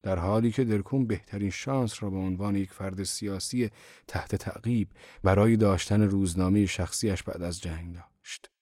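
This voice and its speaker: A very deep-voiced man reads a novel aloud in a calm, measured way. The recording is dry and close, with no room sound around him. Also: no echo. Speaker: narrator. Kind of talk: audiobook narration of a novel.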